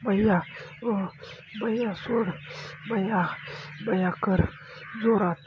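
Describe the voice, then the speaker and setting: A man voicing a young woman in a spoken story, with high, strained, breathless cries. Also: fairly even intonation, slow pace. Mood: pleading. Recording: lo-fi with clear background noise.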